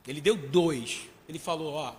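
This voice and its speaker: A man preaching a sermon, questioning his congregation and swelling to shouts. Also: on the high side, normal speed, long reverb tail. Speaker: pastor.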